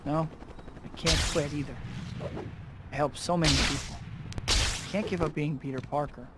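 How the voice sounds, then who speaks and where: A man's voice: on the high side, steady tone, moderate pace, very noisy, lightly acted. A man playing an earnest, self-questioning young superhero in a video game cutscene. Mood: conflicted, pondering. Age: young adult. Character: earnest young male superhero torn between two lives. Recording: game music behind the voice.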